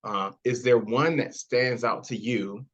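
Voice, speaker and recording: A man's voice: medium pitch, measured pace, slightly rough, dull audio. A man hosting a podcast, upbeat and enthusiastic, leading a casual interview chat. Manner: upbeat, enthusiastic, frequent praise. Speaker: podcast host.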